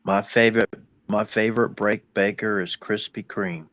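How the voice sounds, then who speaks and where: Casual male livestream talker, lowish voice, folksy phrasing, muffled lo-fi audio. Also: fairly even intonation, moderate pace, fairly bright tone, no echo. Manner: folksy, colloquial speech. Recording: dull lo-fi dry sound.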